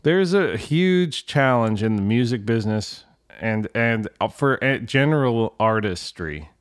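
A man's voice: medium pitch, lively intonation, unhurried, dry recording, clean studio sound. A middle-aged man hosting a casual solo podcast from a home room, talking in a colloquial, mildly salty way, rambling and often doubling back on his own words. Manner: rambling, self-interrupting, repeats words. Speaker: podcast host, musician. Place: untreated home room with bare walls and carpet.

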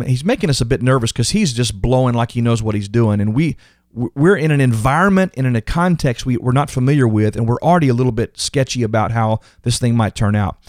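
A man's voice: mid-range voice, darkish tone, dry recording, studio quality. A man hosting a podcast, telling stories in an emphatic motivational monologue and repeating key phrases. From United States. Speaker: podcast host.

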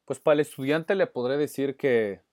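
A man's voice: mid-range voice, moderate pace, a little mellow, no echo, clean studio sound. A man who works as an educator, answering interview questions earnestly, often slipping English words into his Spanish and restarting phrases. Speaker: guest, educator.

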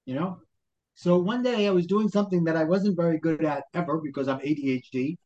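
Male life coach, Brooklyn accent, fairly high pitch, motivational and full of rhetorical questions, lo-fi interview sound. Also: fairly quick, darkish tone. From Brooklyn, New York. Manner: motivational, talks in rhetorical questions and acted-out self-talk. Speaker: life coach, podcast guest. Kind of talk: conversational interview explanation.

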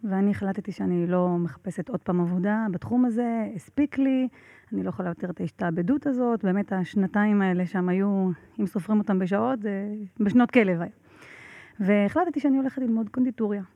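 A woman, a podcast guest, telling a story in a casual interview, animated and laughing often, with lots of fillers. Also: mid-range voice, no echo, lo-fi sound.

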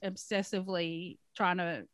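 A woman co-hosting a podcast in casual chat, chatty and quick to laugh. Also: on the low side, steady tone, a bit bright, no echo. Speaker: podcast co-host.

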